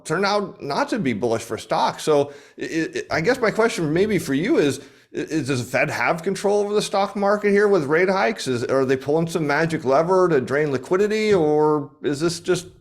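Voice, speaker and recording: A man's voice: on the high side, animated, moderate pace. A man speaking as a guest on a casual financial podcast, easygoing and rambling, with frequent restarts.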